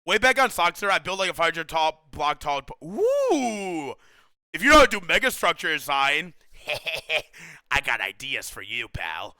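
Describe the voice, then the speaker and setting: Excitable high-voiced young male streamer. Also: unhurried, no echo. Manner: excitable, slangy, says bro a lot, laughs often. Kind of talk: casual chat with stream viewers.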